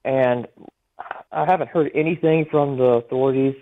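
A man gives a live eyewitness account as a storm chaser. His voice sits at a medium pitch and comes through a thin, narrow telephone line. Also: steady tone, normal speed, a little hiss or hum. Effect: phone line. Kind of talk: live phone interview report.

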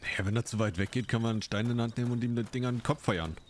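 A man's voice: mid-range voice, rapid-fire, slight background noise. A man in his thirties giving casual, crude and teasing commentary while playing a video game. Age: 30s. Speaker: let's player.

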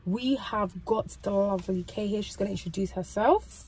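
A woman's voice: medium pitch, normal speed, low-quality recording. A woman hosting a casual vlog from her car, chatty and swearing freely. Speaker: host. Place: in a parked car. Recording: loud car and street noise.

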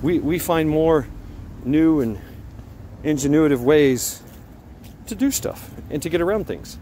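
Out on a neighborhood sidewalk, a middle-aged American man vlogs a loose walk-and-talk, speaking haltingly and pausing to address a dog. His voice is on the high side, expressive and dark-toned, caught on a handheld phone at arm's length amid outdoor street noise and passing cars.

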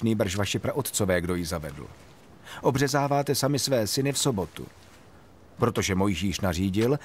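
A man voicing Jesus as a calm, authoritative teacher, speaking in a solemn, measured way over soft music in a Bible story. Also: mid-range voice, slight background noise, lightly acted.

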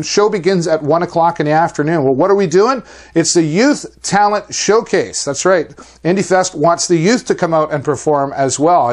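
A middle-aged man hosting a music show, chatty and enthusiastic, making promotional announcements from a studio set with a lapel mic. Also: on the high side. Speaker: host.

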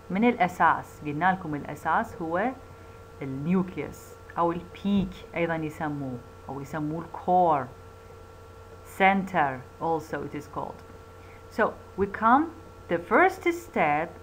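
Iraqi woman lecturer, low voice. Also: slight background noise, rough recording. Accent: Iraqi Arabic. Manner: switches between Arabic and English, repeats key terms, self-corrects; slow, deliberate English; quick Arabic asides. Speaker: university lecturer. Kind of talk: recorded phonetics lecture.

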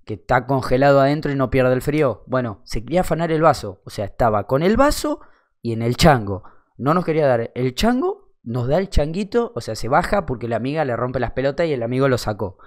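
A man's voice: mid-range voice, very animated, fairly quick. A young man with an Argentine accent telling a funny anecdote in slangy, swearing casual talk. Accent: Argentine Rioplatense. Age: young adult. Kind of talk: casual storytelling.

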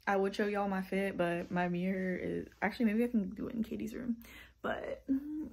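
A woman's voice: medium pitch, moderate pace, creaky, darkish tone. Chatty young college woman vlogging. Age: 20s. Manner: chatty, filler-heavy, upbeat. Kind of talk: casual vlog chat.

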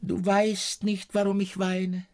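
A man reading an audiobook, voicing a tearful grown daughter in soft, plaintive tones. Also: high-pitched, monotone, slow, pitched above the performer's own voice.

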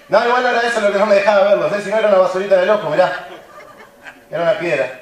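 A man's voice: sits high, fast talker. A man with a Rioplatense accent doing stand-up magic patter and joking with a live audience at an event. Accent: Rioplatense Spanish. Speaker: magician and comedian. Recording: echoey hall, far from mic, crowd noise. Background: audience laughter and chatter.

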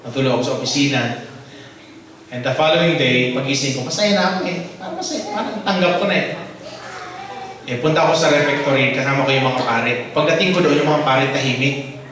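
Priest telling a story in a sermon. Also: male voice, mid-range voice, fairly quick, a little hiss or hum. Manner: animated storyteller acting out dialogue. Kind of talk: sermon testimony. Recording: distant mic in very echoey hall.

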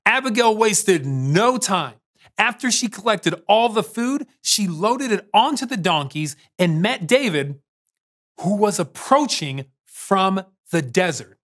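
A man's voice: high-pitched, big pitch swings, takes it slowly, fairly bright tone. A young man hosting as narrator, telling a scripted story for children. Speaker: narrator host. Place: studio.

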